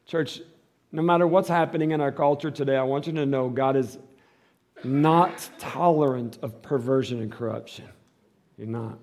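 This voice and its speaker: A man preaching a sermon as a pastor, warning of doomsday judgment in an emphatic manner that swings between quiet and loud. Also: medium pitch, moderate pace.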